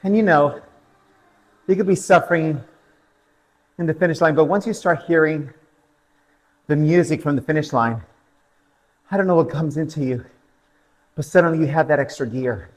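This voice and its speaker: A man's voice: a little high, moderate pace, long pauses, in a large hall, poor audio. A man coaching an indoor cycling class, telling a personal race story between motivational interval cues and countdowns.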